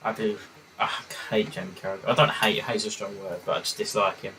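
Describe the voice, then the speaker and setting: A man's voice: lowish voice, level tone, fairly quick, bright, forceful tone, slight background noise, low-quality recording. Rambling young man on a stream. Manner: rambling, hesitant, lots of fillers. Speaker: football watchalong streamer. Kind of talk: casual live-stream chat.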